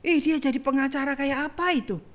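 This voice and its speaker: A woman's voice: high voice, a little fast. A middle-aged woman evangelist, telling a personal story in a sermon and talking straight to the congregation. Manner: conversational, addresses congregation directly. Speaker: evangelist preacher. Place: church online service.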